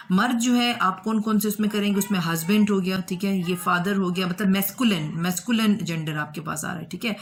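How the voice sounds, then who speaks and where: Woman teacher patiently explaining exercises. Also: medium pitch. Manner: explains patiently with examples, switches between Hindi and English, repeats "ठीक है". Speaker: English teacher.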